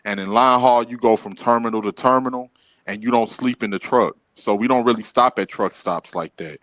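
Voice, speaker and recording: A man in a casual talk, spinning stories with rising energy. His voice sits in an ordinary middle pitch. The sound is dry and close, with no room around it. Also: fairly quick, no room sound, rough recording. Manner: animated, rises loud and high when acting out confrontations. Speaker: podcast co-host. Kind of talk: casual storytelling.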